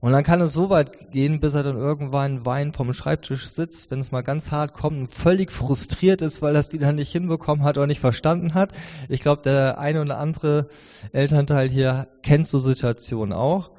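A man in his thirties delivers a conversational, earnest sermon, his voice sitting a little high yet mellow in tone. The sound is dull and carries the long reverb of a large church hall. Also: normal speed. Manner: earnest, conversational preaching with many restarts. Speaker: preacher.

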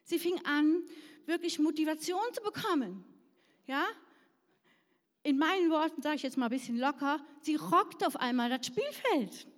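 Woman preacher, chatty storyteller, a bit high, reverberant church hall. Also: expressive, normal speed. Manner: chatty, self-deprecating, asks "ja?" to the audience. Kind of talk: sermon with personal story.

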